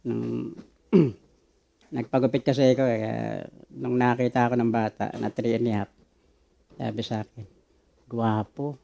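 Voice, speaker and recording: A man's voice: medium pitch, little pitch movement, a little slow, vocal fry, long pauses, warm tone, a little hiss or hum. A man with a Filipino accent preaching a sermon as pastor, mixing Tagalog and English and often asking the congregation questions.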